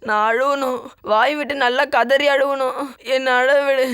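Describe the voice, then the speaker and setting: A man's voice: very high voice, steady tone, a little fast, bright, forceful tone, clean tone, no echo, clean studio sound. A man playing a pleading tearful son. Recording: film soundtrack with music behind.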